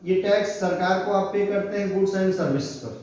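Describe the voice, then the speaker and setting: A man's voice: high voice, normal speed, a little mellow. A male teacher giving a classroom lecture, repeating key terms and mixing English definitions into his explanation. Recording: echoey room from far off.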